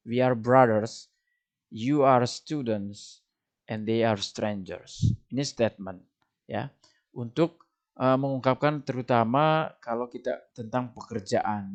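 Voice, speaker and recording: A young man with an Indonesian accent teaching an English grammar lesson, often loud and lively, repeating each point for beginners. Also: medium pitch. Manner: animated, swings of loudness, repeats points.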